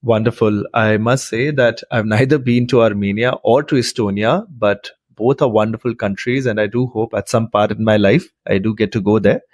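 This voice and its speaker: A man's voice: lowish voice, fairly even intonation, moderate pace, hardly any pauses, no echo. Formal, effusive male podcast host. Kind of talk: interview hosting.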